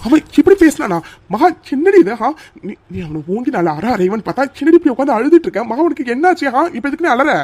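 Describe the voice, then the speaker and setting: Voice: high-pitched, lively intonation, fast, hardly any pauses, a little mellow, a little hiss or hum. Someone voicing a pleading loyal cartoon friend. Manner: pleading, comforting, insistent. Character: young man, loyal caring best friend. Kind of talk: cartoon voice acting.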